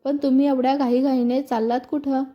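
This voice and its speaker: A woman's voice: high voice, flat delivery, brisk, muffled recording, close to an everyday voice. A woman doing a kindly, chiding aunt.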